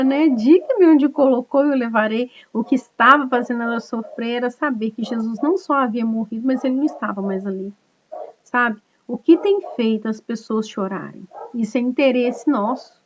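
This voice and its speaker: Woman pastor, high voice, earnest conversational sermon, dull lo-fi online audio. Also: slight background noise. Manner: earnest, conversational preaching with frequent tag questions. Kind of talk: online cell group sermon. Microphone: online video call.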